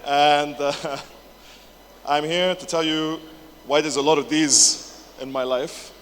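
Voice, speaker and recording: This twentysomething speaker from England takes it slowly, his fairly high voice holding a steady tone. His conference talk in a large indoor hall is casual and jokey, full of fillers, restarts and swearing, with echo and faint noise around him.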